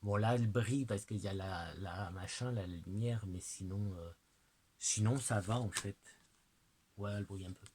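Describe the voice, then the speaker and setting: A man chatting casually to the viewer while presenting oracle cards, halting and hesitant, sometimes dropping to a soft whisper. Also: lowish voice, a little hiss or hum, low-quality recording. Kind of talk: casual oracle card unboxing chat.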